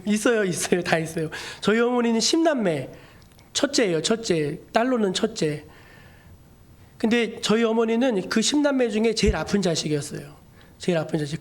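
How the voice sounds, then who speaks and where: Male pastor, high voice, animated storytelling sermon.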